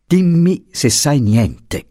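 A man's voice: on the high side, very animated, extremely slow, mellow, dry recording, studio quality, voice pushed up, exaggerated voice. A man voicing an angry, suspicious young husband who speaks curtly and harshly. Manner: curt and harsh.

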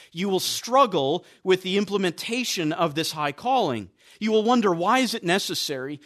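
A man's voice: sits high, fairly bright tone. A male pastor preaching a sermon in an earnest, emphatic way, repeating key phrases and often restarting words.

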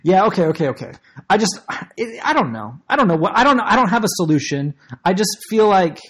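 A man's voice: high voice, fast talker, husky. A man co-hosting a podcast, chatting casually and telling stories emphatically over a remote connection. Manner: excitable, emphatic storytelling. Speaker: podcast co-host. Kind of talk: casual chat. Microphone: remote call connection.

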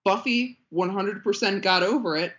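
A woman co-hosting a casual podcast, opinionated and quick to laugh. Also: medium pitch, fairly bright tone, dull audio. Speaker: podcast co-host.

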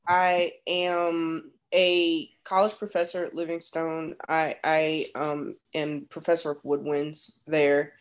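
A woman's voice: low voice, little pitch movement, takes it slowly, few pauses. A woman, a college professor and musician, introducing herself casually with fillers over a video call.

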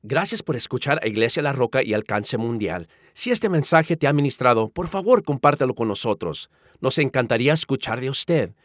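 A male announcer reads a scripted church sign-off in an even way. His voice sits at a middle pitch. The sound is dry and close. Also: moderate pace, no room sound. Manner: even, read-aloud delivery.

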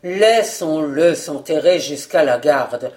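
A reader voicing a shrewd, warm, confident detective in an audiobook, speaking in an assured, fatherly, emphatic way. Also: medium pitch, lively intonation, takes it slowly. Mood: reasoning. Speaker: detective in a novel. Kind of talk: audiobook character reading.

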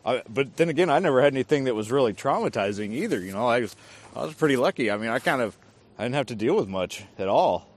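A man's voice: mid-range voice, lively intonation, fast talker. A man who served as an army drill sergeant, talking casually and hesitantly, thinking aloud as he speaks. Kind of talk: casual conversation.

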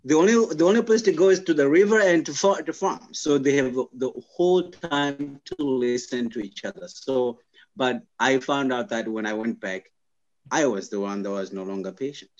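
A young man from Zimbabwe talks in a middle-pitched voice, reflective and unhurried, often stopping to restart his sentences. The sound is a little dull, like a lo-fi recording. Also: a little mellow. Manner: thoughtful, halting, many restarts and fillers. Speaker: guest. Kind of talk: conversational interview.

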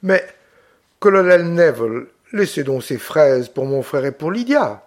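A man's voice: a little high, very animated, measured pace. A man voicing a proud young Corsican woman who speaks with icy composure. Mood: cold.

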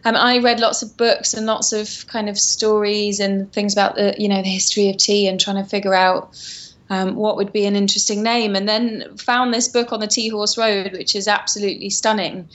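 Woman, Home Counties English accent, mid-pitched, casual interview guest, explanatory, hedging, dull lo-fi audio. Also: level tone, moderate pace, a bit bright. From Surrey, England. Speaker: interview guest, tea company founder.

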